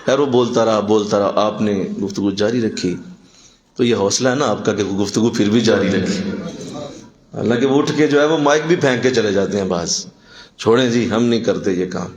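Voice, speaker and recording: A man giving a sermon, telling stories and driving his points home with sudden emphatic rises in voice. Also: roomy sound. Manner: animated, rising to emphatic high bursts. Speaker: religious speaker.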